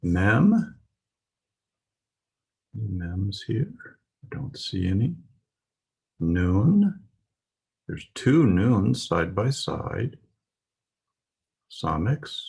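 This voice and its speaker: A man's voice: on the low side, very animated, extremely slow, vocal fry, pauses often, a little mellow, breathy edge. A man giving a patient, methodical alphabet lesson, working through a text letter by letter. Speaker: Hebrew teacher. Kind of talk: slow spoken alphabet lesson.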